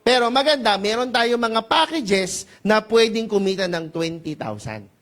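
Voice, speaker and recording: A man giving a lively business seminar pitch before a live audience, playful and teasing, calling out to the crowd for answers. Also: normal speed. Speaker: seminar presenter.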